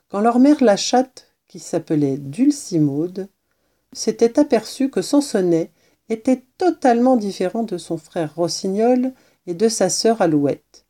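A woman narrating a children's novel as an audiobook, in a gentle, measured storytelling voice. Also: mid-range voice.

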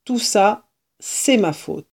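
A sly, self-assured fox father from a storybook, as a woman reader puts him on. He speaks in a confident, reassuring tone with a soft, mellow warmth. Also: mid-range voice, lively intonation, slow, vocal fry, husky, full character voice.

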